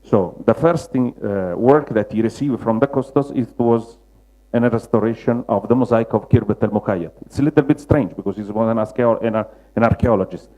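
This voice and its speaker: Male lecturer, Roman Italian accent, mellow relaxed tone, halting second-language English. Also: on the low side, poor audio. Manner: halting non-native English, searching for words. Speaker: lecturer, mosaic restorer. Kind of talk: public lecture with slides.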